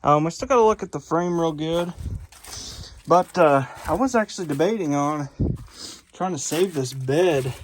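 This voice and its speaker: Guy rambling to the camera while wrenching in his garage, lots of ums and uhs, bit of a higher voice. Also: animated, normal speed, slight background noise. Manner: rambling, many fillers and self-corrections. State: out of breath. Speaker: vlogger restoring a truck. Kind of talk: casual talk to camera while working.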